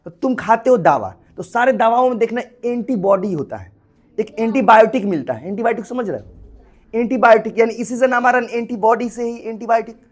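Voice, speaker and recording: A man's voice: high voice, darkish tone. A young male teacher giving a classroom lecture, often asking the class questions and acting out the body with sound effects.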